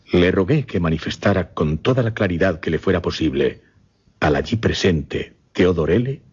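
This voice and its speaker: On slightly muffled lo-fi audio, a radio drama actor heavily acts a grave gentleman hypnotist recounting a macabre experiment. His low-pitched male voice is a little mellow and slightly rough, and the delivery is measured, solemn, formal and deliberate with dramatic pauses.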